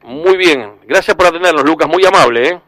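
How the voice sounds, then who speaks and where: A man's voice: fairly high pitch, a little fast, a bit bright, no echo. A man with a Rioplatense Spanish accent hosting a casual radio sports interview, asking long, rambling questions full of restarts.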